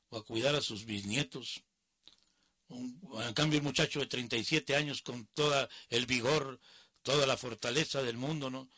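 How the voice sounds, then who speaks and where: A news commentator with a pushed, bright mid-range voice reads news items aloud, and there's no echo. Between the passages he breaks in with casual commentary, full of mocking, opinionated asides.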